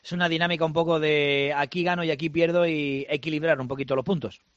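A man hosting a live sports radio show, chatting and running through fixtures in a brisk, conversational way. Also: on the high side, fairly even intonation, dry recording, lo-fi sound.

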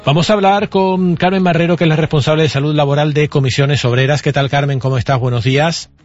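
A man's voice: fairly high pitch, fairly even intonation, fast, dry recording. Man, radio host, hesitant, question tags, muffled radio sound. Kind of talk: radio news interview.

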